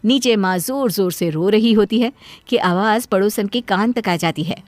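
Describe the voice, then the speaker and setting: A woman's voice: medium pitch, normal speed, dry recording. A woman narrating a cartoon story in a plain, scripted way.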